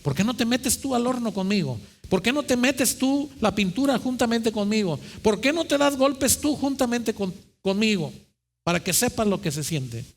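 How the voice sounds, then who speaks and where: A man's voice: lively intonation, normal speed, in a large hall, heavily acted. A man voicing a suffering female clay teacup that pleads and protests, as a sermon illustration. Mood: complaining. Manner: high, whiny and complaining.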